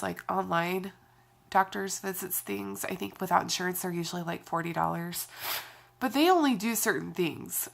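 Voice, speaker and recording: A woman's voice: medium pitch, gravelly, a bit bright. A young woman vlogging casually while sick, her voice scratchy and congested from a cold, rambling with sighs and fillers. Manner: rambling, sighing, with frequent fillers. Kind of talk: casual vlog talk.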